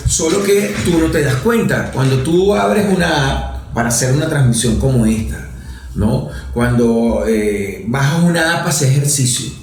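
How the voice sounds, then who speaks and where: This Venezuelan-accented lawmaker, being interviewed, has a medium pitch, lively intonation and a moderate pace. He lays out his ideas in a professorial, analytical manner with everyday examples; the very echoey recording has a little hiss or hum.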